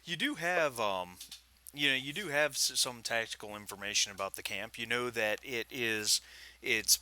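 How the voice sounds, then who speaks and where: A man running a tabletop game as game master, relaxed and unhurried, with many fillers. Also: mid-range voice, smooth.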